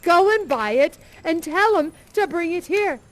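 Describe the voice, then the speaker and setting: A woman voicing Scrooge, a remorseful old miser, in a loud, dramatic storytelling voice. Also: extremely high pitch, fairly even intonation, slow, pitched above the performer's own voice. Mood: overjoyed. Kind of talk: theatrical storytelling to children.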